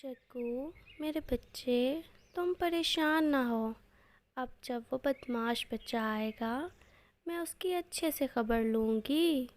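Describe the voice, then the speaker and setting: A woman voicing a hot-tempered, protective mother animal in a cartoon story, quick to scold. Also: high voice. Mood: soothing. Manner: angry, scolding.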